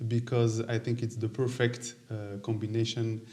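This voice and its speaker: A man's voice: lowish voice, flat delivery, moderate pace, mellow. A man from Italy, an interview guest giving brief conversational answers about products as a development head.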